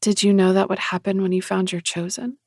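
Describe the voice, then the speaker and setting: A breathy young human woman, wary yet tender, as a male audiobook narrator puts her on. Her voice sits well above his own, soft and earnest, with a gravelly edge underneath. The recording is dry and close. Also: sits high, level tone, fairly quick, dry recording, voice pushed up, heavily acted. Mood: wondering. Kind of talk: audiobook character voice.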